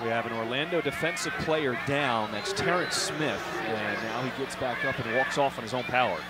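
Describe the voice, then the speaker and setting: A man's voice: mid-range voice, normal speed. A man calling live American football play-by-play as a commentator. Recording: loud stadium crowd and noise.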